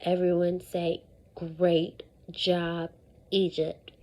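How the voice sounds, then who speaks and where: A female elementary school teacher with a fairly low voice leads an interactive lesson for young children. She speaks animatedly in a repetitive call-and-response pattern, stressing words deliberately.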